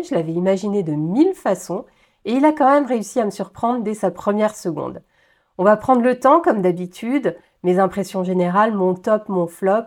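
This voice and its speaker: A woman hosting her own video channel, reviewing a TV series in a lively, expressive way with frequent "euh" fillers. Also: medium pitch. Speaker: YouTube host reviewing episodes of a TV series. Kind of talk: enthusiastic video commentary, partly scripted.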